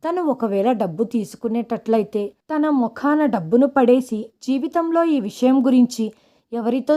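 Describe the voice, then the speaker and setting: A woman's voice: fairly high pitch, warm tone, lightly acted. A woman voicing a scheming man who gives stern, threatening orders in a story reading. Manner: stern, commanding.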